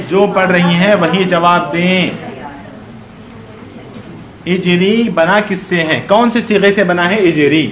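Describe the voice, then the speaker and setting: Higher-voiced man teaching grammar in an echoey room. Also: a bit bright. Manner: quizzes students, corrects patiently. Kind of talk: online Arabic grammar class.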